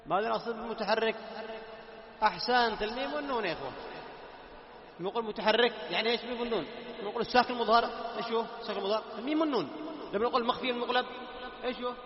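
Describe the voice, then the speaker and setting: A man teaching a class, quizzing his students, repeating key terms and slowing down to recite examples. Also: very high-pitched. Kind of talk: classroom lesson on tajweed. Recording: echoey hall, dull lo-fi sound.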